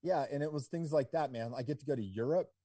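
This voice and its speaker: A man of about forty with a dark, mellow voice recounts his past in an easygoing, meandering way, peppering it with "like" and "you know". His voice sits in a middle register. The sound is dry and close. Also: medium pitch, fast talker, no room sound. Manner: relaxed, rambling delivery full of "like" and "you know". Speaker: podcast guest, ski business owner. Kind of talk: casual interview storytelling.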